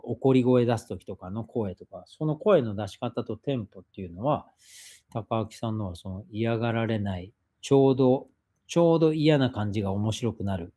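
A man's voice: lowish voice, dark tone, husky. A man hosting a live stream, reading a viewer's question aloud and then explaining his answer at length in a casual way.

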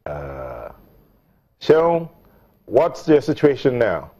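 A man's voice: medium pitch, wildly swooping pitch, very slow, mellow, lo-fi sound. A Nigerian-accented man in his forties presenting a morning TV show in an informal studio style.

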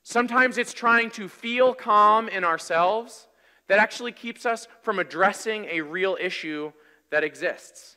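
A man in his thirties preaching a sermon from a pulpit, in a conversational, energetic way. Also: high voice, measured pace. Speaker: pastor. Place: large church hall, on stage at a wooden pulpit. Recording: reverberant church hall.

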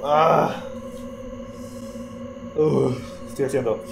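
A man's voice: fairly high pitch, fairly even intonation, extremely slow, gravelly. A young man giving jumpy, panicky let's-play commentary to his viewers. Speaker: gaming YouTuber. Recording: music playing behind.

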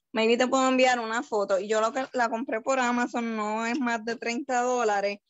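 A woman's voice: a little high, dry recording, muffled recording. Chatty woman, dry sound. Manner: chatty, animated storytelling, laughs easily. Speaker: guest parent. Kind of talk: casual video call chat.

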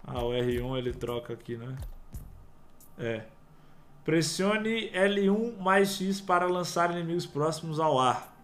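A man's voice: on the high side, animated, measured pace, a bit bright. A young man with a Brazilian Portuguese accent playing and commenting a video game casually, with slang and swearing, on a headset in a small room. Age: young adult. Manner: casual, slangy, swears, mumbles while reading. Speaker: gaming youtuber. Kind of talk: let's play commentary.

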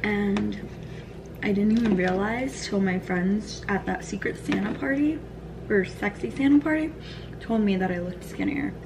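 A woman's voice: mid-range voice, normal speed, creaky. A woman in her twenties chatting casually to camera in a vlog, sometimes dropping to a whisper. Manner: chatty, with whispered morning asides. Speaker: vlogger. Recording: noisy phone-camera vlog audio.

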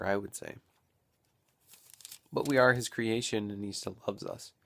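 A young man vlogging casually at home, rambling and thinking out loud into a built-in camera mic. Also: fairly low pitch. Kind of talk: casual daily vlog.

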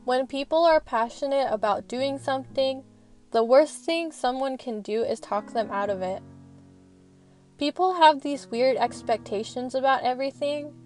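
Speaking at normal speed, a young woman student vlogger rambles casually through a voice-over from her parked car. Her tone is earnest and frank, her voice sits a little high, and gentle music runs quietly beneath.

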